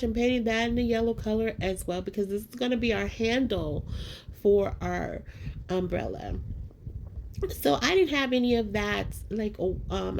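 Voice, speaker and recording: Slight background noise accompanies a craft vlogger whose mid-range voice carries vocal fry and a stuffy, allergy-nasal sound. In a casual voice-over about her project she rambles self-deprecatingly, says um and like a lot, and speaks to viewers as y'all and guys.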